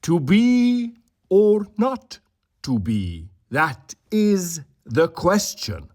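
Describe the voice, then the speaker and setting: A man's voice: a little high, voice pushed up, full character voice. A man performing Hamlet's soliloquy as a brooding young prince, in an over-the-top dramatic delivery from a closet studio. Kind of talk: Shakespeare monologue reading.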